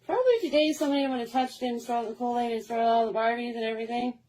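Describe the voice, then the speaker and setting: A woman's voice: fairly high pitch, rapid-fire, mellow, poor audio. A woman telling a childhood story in a casual, rambling way, repeating herself and restarting often. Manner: rambling, repetitive, with many restarts.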